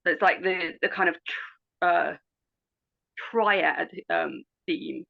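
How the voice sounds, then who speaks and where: Rambling woman with a gravelly voice, heard over dull lo-fi call audio. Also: on the low side, slow. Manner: rambling, hesitant, many fillers. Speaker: call participant. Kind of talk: casual group call chat.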